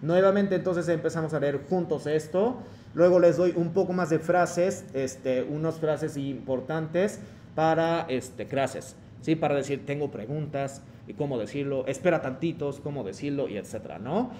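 A man teaching an online class, with halting phrasing and many fillers. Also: fairly high pitch, warm tone, a little hiss or hum. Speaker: Japanese teacher.

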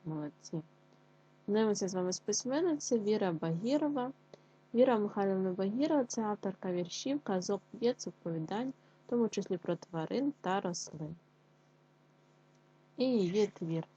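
A woman teacher leading an online reading lesson for young children, speaking clearly and repeating phrases for them to follow. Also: medium pitch, lively intonation, dark tone, highs cut off. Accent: Ukrainian. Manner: clear, slow syllable-by-syllable dictation for children. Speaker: primary school teacher.

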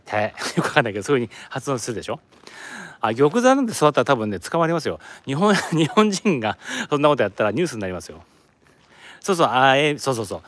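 A man from Japan chats on a live stream as he walks outdoors. His talk rambles, and he breaks off to answer viewer comments. His pitch moves around a lot, at an average height for a man. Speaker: live streamer, office worker in Korea. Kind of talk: casual live-stream chat while walking. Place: outdoors at a palace tourist site.

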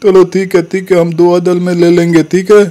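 A man narrates toy play in a childlike, lisping manner, repeating short calls again and again. His voice sits high but stays flat in its melody, with a dark, mellow tone. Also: normal speed. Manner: repeats "look, look" and "come on" constantly, childlike lisping speech.

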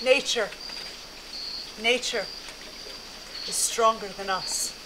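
A middle-aged woman playing a self-important, overwrought TV storm reporter in a spoof live weather report, stretching her words for drama. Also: fairly high pitch. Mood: solemn, mournful. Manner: overwrought, drawn-out dramatic emphasis. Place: outdoors at night on rainy driveway. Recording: rain noise outdoors, camera mic. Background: rain falling.

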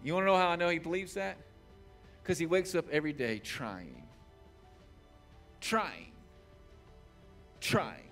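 Soft background music plays as a man in his forties preaches from a church stage, unhurried and animated, leaving long pauses. His voice, on the high side with vocal fry, rises to shouted points and then drops to quiet prayer.

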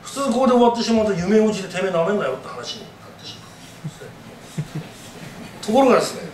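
Male horror storyteller with a high voice that leaps around, telling a live ghost tale in a dramatic way, picked up from a distance. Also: sing-song, fast, a little mellow. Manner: dramatic, acts out voices and gasps. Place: live event venue. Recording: echoey room from far off.

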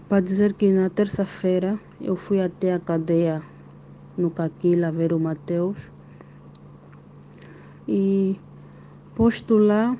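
A woman recounts events in a steady, detailed voice message. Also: mid-range voice. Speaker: prisoner's wife giving testimony. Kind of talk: recorded voice-message account. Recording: dull lo-fi voice note, faint noise.

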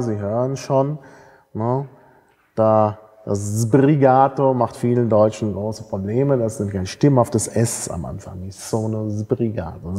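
A man lectures in a large hall, and his voice carries a long reverb. He sounds dark and slightly husky as he explains each point patiently, with tag questions and fillers along the way. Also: medium pitch. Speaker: university lecturer. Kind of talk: university lecture.

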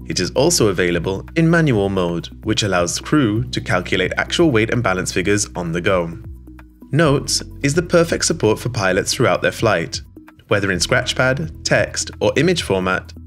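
A man reading a scripted product voice-over in a smooth, even, polished way, recorded in a studio. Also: on the low side, moderate pace. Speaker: voice-over narrator. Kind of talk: scripted corporate narration. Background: soft background music.

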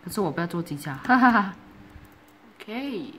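A woman gives casual commentary while she plays a game. She giggles often and breaks into excited exclamations. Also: medium pitch, moderate pace, slight background noise. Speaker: gaming YouTuber.

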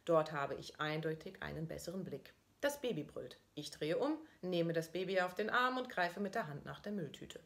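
A woman's voice: lowish voice, expressive, moderate pace, gravelly, hardly any pauses, a bit bright. A woman reading her own first-person diary-style story aloud in a dry, ironic manner.

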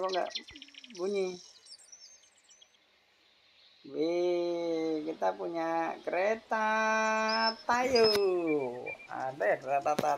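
A gaming channel host giving casual, excitable commentary while playing, with frequent exclamations and laughs. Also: medium pitch, gravelly. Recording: loud background noise with birdsong.

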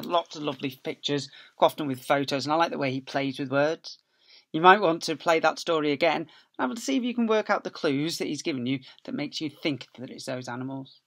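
Fairly high in pitch, bright and forceful, this middle-aged male school teacher's voice carries a picture book reading for young children. He playfully stretches key words and makes sound effects. A laptop webcam at close range records him in a small office.

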